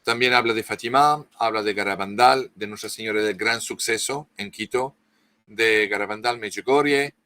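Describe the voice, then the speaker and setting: A middle-aged French man with a French accent and a lowish, pushed, bright voice speaks as a guest author in an interview. He lectures at length, halting often with restarts and fillers, and the recording is dry.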